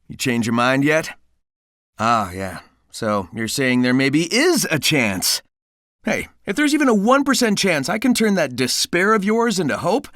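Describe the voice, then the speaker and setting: Lively, cocky hedgehog hero. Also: male voice, high-pitched, no echo, studio quality, heavily acted. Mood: warm, reassuring. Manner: breezy, wisecracking, confident. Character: cocky, upbeat young male hedgehog speedster hero. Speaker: video game voice actor. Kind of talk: animated video game dialogue.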